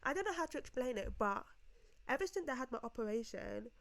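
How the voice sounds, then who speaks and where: A woman's voice: a little high, lively intonation, a little fast. A young woman co-hosting a casual podcast chat, talking emphatically and acting out quoted lines. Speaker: podcast co-host.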